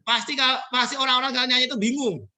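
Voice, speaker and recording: Lively high-voiced man. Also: fast talker. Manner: animated storytelling, acting out quotes, laughing often. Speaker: motivational speaker. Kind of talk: lively motivational talk with acted anecdotes.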